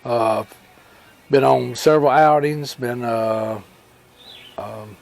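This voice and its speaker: A man from rural Alabama, a storyteller with a homesteading channel, shares personal tales in an informal fireside manner. His Southern-accented voice is mid-range, gravelly and darkish, and he rambles with frequent pauses and recounted dialogue.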